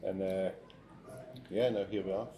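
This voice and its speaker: A man's voice: low voice, a little slow, crowd noise. A Scottish man, a chef who teaches students, speaking steadily and plainly in an interview. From Scotland. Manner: steady, plain-spoken, with some restarts. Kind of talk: casual interview chat. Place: restaurant.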